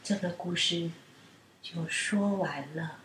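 A woman reading children's stories aloud in a gentle storyteller manner. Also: lowish voice, slow pace, a little hiss or hum. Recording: roomy and distant.

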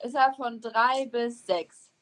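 A young woman co-hosting a casual guessing-game podcast, competitive and stubborn, musing aloud in drawn-out syllables. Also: fairly high pitch. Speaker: co-host playing a guessing game.

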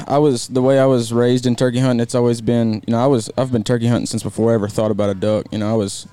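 A man's voice: mid-range voice, flat delivery, quick pace, dark tone, clean tone, no echo. A man being interviewed in a casual chat, talking in a rambling, hedging way and saying "man" often. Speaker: guest, works for a call company. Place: event venue.

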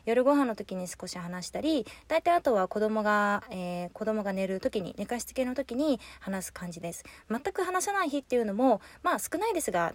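A woman's voice: medium pitch, dry recording. A woman hosting her own talk radio show as a housewife, chatting candidly and sometimes calling herself by her nickname. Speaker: podcast host, housewife. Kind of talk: casual solo radio talk.

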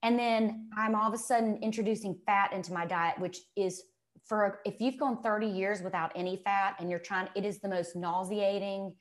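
A woman's voice: medium pitch, normal speed. A middle-aged woman with a Mississippi Southern accent tells personal stories casually and emphatically, often acting out quoted remarks. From Mississippi, United States. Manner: animated, emphatic, quotes herself and others. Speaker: guest. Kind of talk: casual conversational storytelling.

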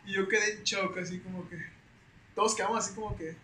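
A young man with a Mexican accent, a podcast guest telling stories in a slangy, animated, casual way. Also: sits high, fast. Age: young adult. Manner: slangy, animated, peppers speech with güey. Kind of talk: casual storytelling chat. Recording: roomy echo with faint hiss.

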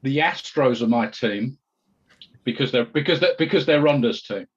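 A man's voice: mid-range voice, expressive, normal speed. A man as a guest on a casual sports podcast, speaking with dry, wry understatement. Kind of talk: casual chat. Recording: dull lo-fi audio.

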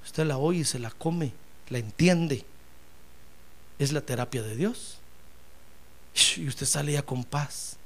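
A man preaching a sermon as pastor, joking with listeners as brothers and swelling into loud cries of praise before dropping to quiet asides. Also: fairly high pitch, slow pace, pauses often. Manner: humorous, addresses listeners as brother.

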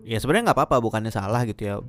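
A man's voice: on the low side, lively intonation, racing, a bit bright. A man hosts a casual solo podcast over background music. He speaks with a slight lisp that slurs his r sounds. He often circles back and rephrases as he gives his opinions. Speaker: podcast host.

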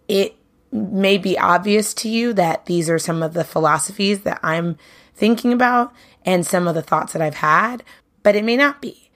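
A young woman from Brooklyn, New York, speaks in a lowish, slightly bright voice. She's a singer and bandleader who hosts her own podcast, and in this solo episode she chats casually and upbeat, dropping plenty of "you know"s.

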